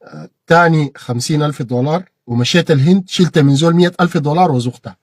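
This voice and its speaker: A man with a Sudanese Arabic accent giving an impassioned political monologue, repeating phrases and bursting into shouted peaks. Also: a little high, racing, slightly rough, no echo, clean studio sound. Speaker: political commentator.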